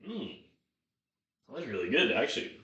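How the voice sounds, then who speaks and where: A man with a slightly low, bright voice talks casually to himself and his viewers. He rambles as he thinks aloud and swears freely. The room around him is clearly echoey. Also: expressive, moderate pace. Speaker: streamer cooking on a livestream.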